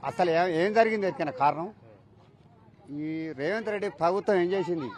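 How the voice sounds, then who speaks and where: A man's voice: sits high, fairly quick, darkish tone. A man farmer with a Telangana Telugu accent, speaking outdoors in a news interview in an angry, defiant way. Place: outdoors by a canal.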